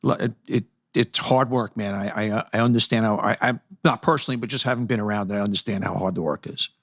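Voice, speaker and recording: A man's voice: fairly low pitch, fairly even intonation, quick pace, fairly bright tone, no echo, clean studio sound. A man hosting an interview show, chatty and affirming, who stumbles a little as he builds his questions. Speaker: podcast host. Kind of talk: conversational interview.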